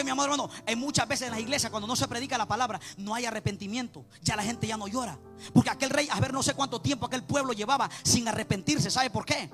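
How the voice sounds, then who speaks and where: A man's voice: very high voice, a bit bright. A man preaching a fervent sermon, repeating his refrains and rising into a chanted, sing-song delivery. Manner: impassioned, repeats "mi amado hermano", chants some lines.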